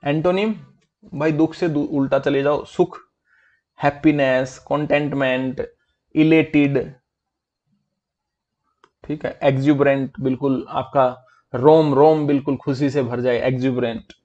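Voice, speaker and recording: A man's voice: mid-range voice, fairly even intonation, measured pace, long pauses, darkish tone, lo-fi sound. A man teaching an online vocabulary class for exam prep, in a chatty, friendly way that mixes Hindi and English.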